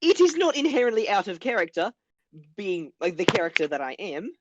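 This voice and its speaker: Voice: mid-range voice, sing-song, brisk, lo-fi sound, very noisy. A tabletop player speaking in character over an online call, blunt and exasperated, pushing the story forward. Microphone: online call mic.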